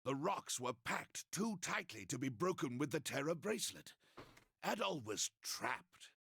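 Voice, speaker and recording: A man's voice: a little high, sing-song, unhurried, creaky, fairly bright tone, breathy edge, no room sound, clean studio sound, exaggerated voice. A man reading a video game's narration in a grave storybook manner. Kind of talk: dramatic reading of game narration.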